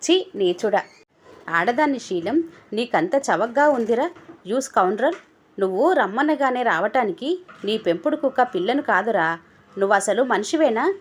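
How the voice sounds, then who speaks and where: A woman's voice: on the high side, expressive, measured pace, husky. A woman voicing a young married woman who scolds and pleads with a blackmailer in an agitated, indignant voice.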